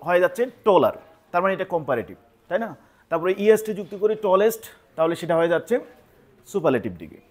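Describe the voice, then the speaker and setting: A man's voice: high voice, a little mellow. A man teaching English grammar, explaining step by step and often checking that listeners follow. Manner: patient, repeats points with check-in questions.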